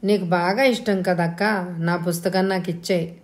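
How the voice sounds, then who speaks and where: A woman's voice: fairly low pitch, steady tone, moderate pace, lightly acted. A woman reading an audio novel, voicing an anxious young student begging her elder sister and mother. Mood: pleading. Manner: pleading, anxious.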